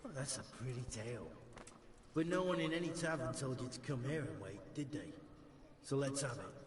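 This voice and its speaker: A man's voice: medium pitch, normal speed, a little hiss or hum, natural voice. An actor playing a suspicious male outlaw leader in a video game, questioning a newcomer with cutting scorn. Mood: wary. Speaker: game character. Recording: game audio in an echoey hall.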